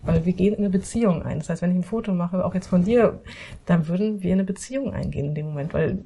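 Woman photographer, guest. Quick, somewhat low voice, husky. Animated storyteller. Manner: animated, quotes her own thoughts, many restarts. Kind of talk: conversational storytelling.

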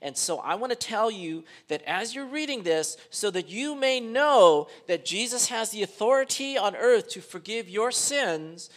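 A man's voice: high voice, fairly bright tone. A man preaching a sermon as pastor, talking conversationally with fillers and restarts and dropping his voice to act out quoted speakers.

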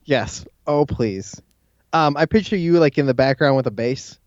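A man hosting a podcast with casual banter, talking haltingly and repeating words as he goes. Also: mid-range voice, lively intonation, dry recording, lo-fi sound. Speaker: podcast host. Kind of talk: casual banter between co-hosts.

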